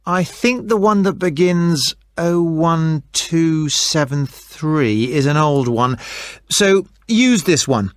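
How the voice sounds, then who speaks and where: A man playing a helpful, unhurried race organiser in a scripted phone dialogue, obliging and a little hesitant. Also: on the high side, lively intonation, no echo, clean studio sound. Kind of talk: scripted listening-test dialogue.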